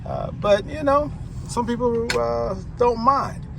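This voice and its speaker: A man narrating a casual workshop vlog, relaxed and enthusiastic, often repeating his praise with exclamations. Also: very high voice, takes it slowly, creaky. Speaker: auto shop owner. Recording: noisy background.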